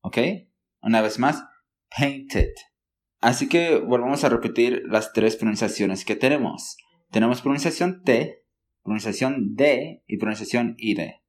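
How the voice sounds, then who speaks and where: A man teaching a language lesson, explaining patiently, checking in with listeners often and saying example words slowly for them to copy. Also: mid-range voice. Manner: models words slowly for learners. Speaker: English teacher.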